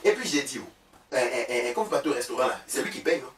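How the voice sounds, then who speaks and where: A man's voice: mid-range voice, quick pace, distant mic, slight background noise, lightly acted. A man playing a chatty, boastful woman who gossips about her husband, with an Ivorian French accent, in a comic sketch. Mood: gossipy. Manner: gossipy, animated, loud outbursts. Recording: roomy, from off-mic, faint background.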